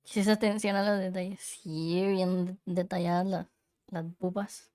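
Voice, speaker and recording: A woman's voice: on the low side, flat delivery, unhurried, warm tone, smooth, dry recording. A woman streamer with a cute anime-streamer manner, chatting casually as she reacts to a video.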